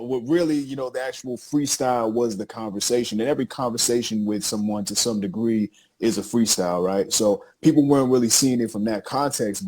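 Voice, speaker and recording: A man co-hosting a casual podcast, animated and hyping up his guest while repeating phrases. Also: lowish voice. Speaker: co-host introducing the show.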